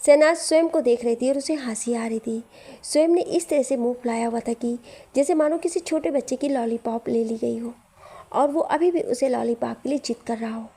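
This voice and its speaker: A woman telling a romantic story in steady, dramatic scripted narration. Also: on the high side, moderate pace, breathy edge.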